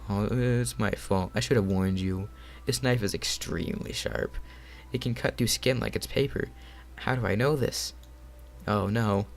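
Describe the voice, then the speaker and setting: A man doing a bashful young woman from a game, soft-spoken and stammering, with a fairly low voice. Her lines stumble and hesitate, as if she is nervous about what she says. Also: measured pace, creaky, a little hiss or hum. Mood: shy.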